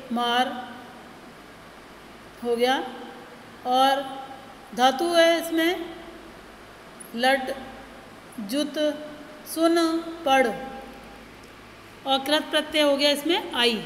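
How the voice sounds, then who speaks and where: A woman teacher giving a grammar lesson, slowly and deliberately reading out words one by one. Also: high voice, fairly bright tone. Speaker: school teacher. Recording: echoey room with long reverb, faint noise.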